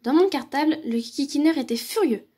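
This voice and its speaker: A woman reading a children's picture book aloud for a library, with lively, expressive storytelling. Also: sits high, fairly quick.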